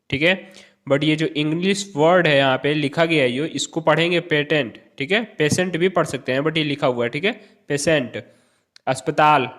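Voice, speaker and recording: Slow man drilling vocabulary. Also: on the high side, a bit bright. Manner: repeats each word pair twice. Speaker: channel host, English tutor.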